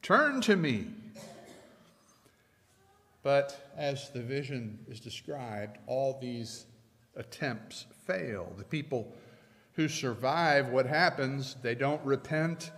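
A middle-aged man preaching a sermon from a pulpit, measured and emphatic, leaning hard on key phrases. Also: mid-range voice, expressive, a bit bright. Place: church sanctuary at a pulpit. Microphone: pulpit microphones. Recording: long church reverb.

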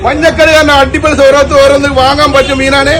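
A man's voice: very high voice, level tone, quick pace, a bit bright. A man with a Kerala Malayali accent hawking like a street fish seller, calling out and repeating prices and mixing English slang into his Malayalam. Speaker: fish seller promoting the day's catch. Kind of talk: street-vendor sales patter for social media. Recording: noisy outdoor market with vehicles and crowd.

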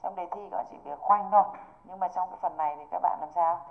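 A woman teaches an online English exam review, stopping often to check that her students follow. Her voice sits a little low. It comes through a narrow, tinny video-call line. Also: fast, creaky. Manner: patient, repeatedly checking students understand.

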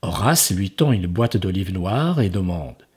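A man reading a children's picture book aloud as storyteller, expressive and unhurried. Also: low-pitched, slightly rough.

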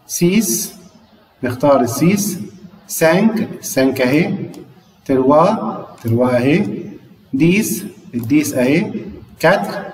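A man's voice: medium pitch, darkish tone, roomy sound, long reverb tail, far from the mic, rough recording. A man with an Egyptian Arabic accent teaches an online French lesson, counting aloud and explaining each exercise step by step.

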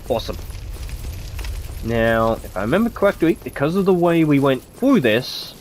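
A man's voice: medium pitch, slight background noise. A man with a stuffy nose giving casual let's-play commentary, muttering to himself as he plays. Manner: chatty, muttering to himself while playing. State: stuffy-nosed. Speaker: gameplay commentator.

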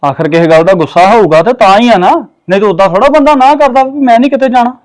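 A man's voice: extremely high pitch, quick pace. A man playing a fatherly elder brother who lectures his younger brother in a family drama. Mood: reproachful. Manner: reproachful, lecturing. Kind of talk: Punjabi family drama acting.

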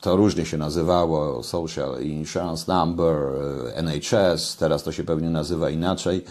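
A man's voice: a bass voice, fairly even intonation, moderate pace, a little mellow. An older man giving casual commentary to camera from his home kitchen, talking conversationally and pushing his voice up on key points. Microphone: webcam at desk.

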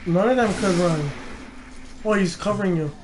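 A man's voice: sits high, normal speed, noisy background. A man watching his friend play a horror game, giving urgent backseat instructions. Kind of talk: casual let's-play commentary.

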